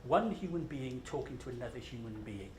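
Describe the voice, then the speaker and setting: A man from Scotland, medium-pitched with lively intonation, speaks fairly quickly during a chatty, self-mocking conference presentation. He's jet-lagged, so fillers abound. Echo and faint noise come from the large conference room.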